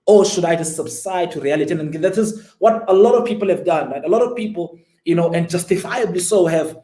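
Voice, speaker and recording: A man's voice: high-pitched, brisk, warm tone, echoey room, poor audio. A man, telling his story as an interview guest and pressing listeners with rhetorical questions. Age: 20s. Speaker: guest entrepreneur.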